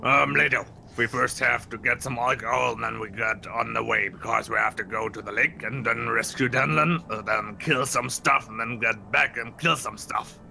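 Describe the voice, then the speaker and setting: A man's voice: medium pitch, fairly even intonation, moderate pace, vocal fry, hardly any pauses, sharp tone, a little hiss or hum. A man playing a tabletop game, talking casually. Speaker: player. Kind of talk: casual play.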